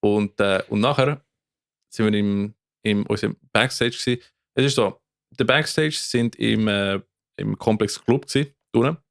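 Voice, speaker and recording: A man's voice: on the low side, moderate pace, vocal fry, dry recording, studio quality. A man with a Swiss German accent, a band guitarist co-hosting a podcast and telling rambling stories full of fillers and restarts. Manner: rambling storyteller, many fillers and restarts, laughs often. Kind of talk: casual podcast chat.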